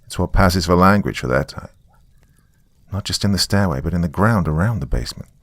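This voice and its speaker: In a dry recording, a man with a low voice speaks fairly quickly with lively intonation and a fairly bright tone. He plays a weary, sardonic small-town man rambling wryly and colloquially through a taped confession in a horror story, sounding uneasy and resigned.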